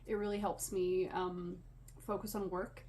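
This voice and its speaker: A woman's voice: on the low side, level tone, measured pace, a little mellow. A woman chatting casually as a podcast host, slightly wheezy and short of breath, with rambling, self-deprecating asides. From Canada. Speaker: podcast host and yarn dyer. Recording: clear background room noise.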